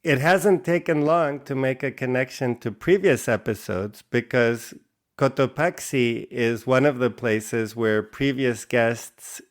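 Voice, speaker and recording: A man hosting a podcast, asking curious, measured interview questions. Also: medium pitch. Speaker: podcast host.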